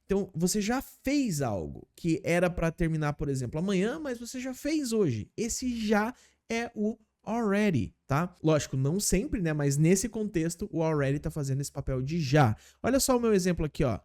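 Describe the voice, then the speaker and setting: A man's voice: high voice, very animated, moderate pace, a little mellow. A man teaching English in a casual video lesson, explaining step by step and often checking in with his viewers.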